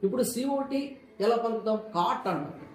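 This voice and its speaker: A man teaching a phonics lesson with a mellow, dark voice. He drills by asking questions and answering them himself, repeating each word again and again. His voice rings out in a very echoey room. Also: very high voice, lively intonation, a little fast, a little hiss or hum. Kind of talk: classroom-style phonics lesson.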